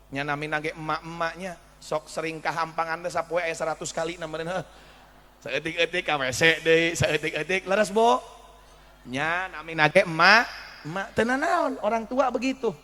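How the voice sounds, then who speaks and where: A man preaching a sermon in an animated way, often throwing questions to the audience. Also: sits high. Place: religious school gathering hall. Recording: echoey hall.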